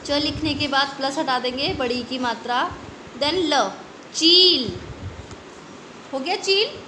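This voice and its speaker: An Indian woman teaching a young children's Hindi class, drawing out each word slowly and asking the kids questions. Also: sits high, bright, forceful tone, a little hiss or hum. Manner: slow, drawn-out word stretching with quiz questions. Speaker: primary school Hindi teacher. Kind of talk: online class lesson. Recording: echoey room with faint ambience.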